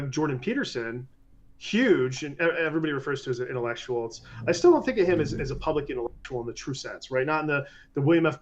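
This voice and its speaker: A man talks through a loose podcast conversation, his voice sitting at an ordinary middle pitch. He keeps restarting phrases and slips into mimicking other people for his quotes. The audio is a bit dull and lo-fi.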